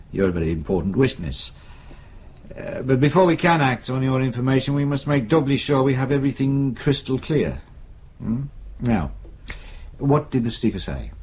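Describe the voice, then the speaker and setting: A male actor plays a patient, probing British police superintendent in a radio crime drama, asking measured, courteous questions with quiet insistence. His medium-pitched voice is animated, husky and a little mellow.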